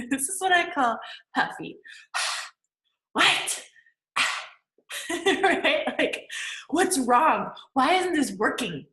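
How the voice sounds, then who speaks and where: A woman in her forties teaching a live class as a manifesting coach, chatty, laughing often and acting out quotes with big jumps in pitch. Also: sing-song, slow pace, long pauses, fairly bright tone, reverberant, poor audio. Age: 40s. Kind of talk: live-streamed class talk.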